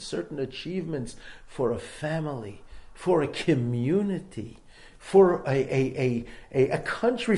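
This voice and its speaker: A man's voice: medium pitch, a little mellow. A man giving a rabbi's sermon, emphatic, repeating phrases with building intensity. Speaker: rabbi giving a religious talk.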